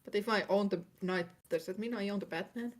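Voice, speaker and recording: A woman's voice: medium pitch, brisk. A woman co-hosting a podcast, in casual chat, joking in a playful, laid-back way. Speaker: podcast co-host.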